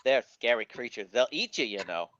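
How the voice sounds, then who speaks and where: A man at an ordinary pitch narrates a tabletop game as game master, sprinkling his speech with casual fillers. The recording sounds a little dull and lo-fi. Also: lively intonation, moderate pace, fairly bright tone, no echo. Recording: slightly muffled lo-fi recording.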